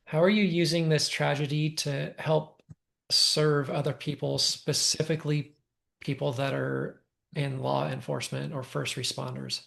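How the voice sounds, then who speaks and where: Gravelly, flat-voiced male interview host. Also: on the high side, a little slow. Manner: supportive, with frequent short affirmations. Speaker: host and life coach.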